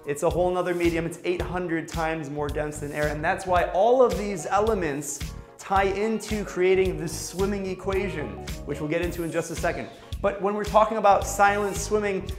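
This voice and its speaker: A man's voice: high-pitched, echoey room. A man giving an instructional video lesson as a swim coach, emphatic and instructive, repeating his key points.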